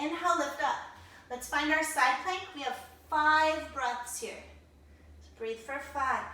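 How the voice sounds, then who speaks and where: A woman yoga instructor guiding a class at home, calmly cueing breaths and poses with encouragement. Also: high-pitched. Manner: calm, encouraging breath counting. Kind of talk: guided yoga class cues. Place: home room, traffic outside. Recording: echoey room, mic far off.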